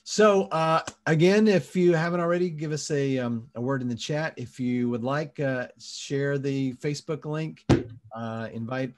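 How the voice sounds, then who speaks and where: A man hosting a live online comedy show, speaking in a relaxed way with many fillers, over a video call. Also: mid-range voice, unhurried, slight background noise. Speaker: host.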